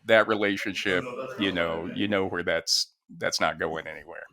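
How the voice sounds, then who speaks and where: A man's voice: low voice, fairly even intonation, moderate pace, crowd noise. A man co-hosting a podcast in casual chat, jovially relaying what he has read. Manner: jovial, chuckles through his talk. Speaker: podcast co-host.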